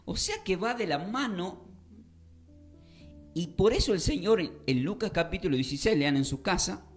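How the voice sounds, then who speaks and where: A man's voice: high-pitched, expressive, moderate pace, faint music behind. Emphatic teacher, man. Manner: questioning, emphatic teaching with repetitions. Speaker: Bible teacher. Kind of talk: radio Bible class. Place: radio studio.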